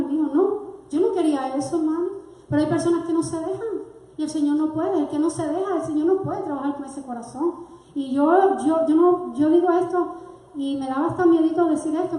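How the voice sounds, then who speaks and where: In the sanctuary of her church, a Cuban woman speaks with emotion and sincerity as she shares her personal testimony. The voice is high-pitched with a dark tone, and the recording echoes heavily.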